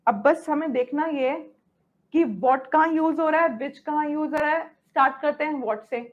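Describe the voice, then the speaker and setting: A woman's voice: high-pitched, moderate pace, lo-fi sound. A woman with an Indian English accent teaching a grammar lesson, often stopping to check that students follow. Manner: switches between Hindi and English, checks understanding often.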